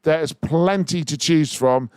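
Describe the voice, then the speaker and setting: In a radio studio, a man with a fairly high, clean voice hosts a live charity auction on a dry recording. He speaks at a measured pace yet energetically urges listeners to bid, his excitement rising.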